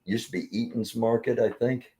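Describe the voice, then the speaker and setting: A man's voice: medium pitch, steady tone, moderate pace, mellow. A man in his sixties from Indiana, hosting a casual chat and reminiscing in a rambling, folksy way with restarts and laughs. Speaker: podcast host.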